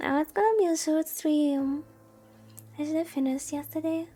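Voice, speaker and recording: Over game music, a woman streams a visual novel as a VTuber, her voice sitting high with a dark tone and a measured pace. She rambles casually and muses aloud in a playful way.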